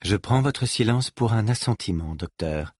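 A man voicing a calm, softly menacing male scientist in an audiobook reading. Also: lowish voice, moderate pace, no echo, clean studio sound.

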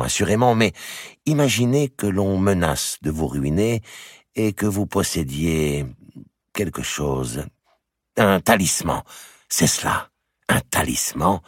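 Through a dry close recording, a man reads as a calculating middle-aged merchant, his very deep voice husky and rough at the edges. He speaks slowly and deliberately, each word a quiet threat, yet his pitch rises and falls freely. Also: no echo, heavily acted. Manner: measured, deliberate, calmly menacing. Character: cold shrewd middle-aged male merchant. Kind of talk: audiobook character reading.

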